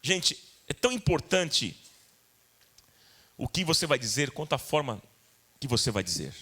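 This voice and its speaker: A man's voice: mid-range voice, sing-song, moderate pace, pushed and bright, slightly rough. A man with a Brazilian Portuguese accent preaching a sermon as pastor, earnest and repetitive, speaking directly to his congregation in church.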